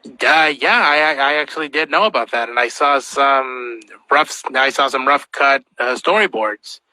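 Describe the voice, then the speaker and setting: Man, podcast guest voice actor, very bright tone, dry close sound, rambling with fillers. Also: medium pitch, moderate pace, dry recording, poor audio. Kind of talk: casual podcast chat.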